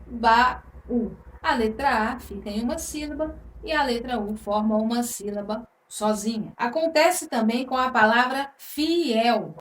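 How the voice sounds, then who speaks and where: Brief: woman, teacher, high bright pitch, unhurried patient delivery, echoey room mic set back. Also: far from the mic. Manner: slow, patient, drawn-out words, frequent "tá?". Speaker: Portuguese teacher. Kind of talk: exam-prep grammar lesson.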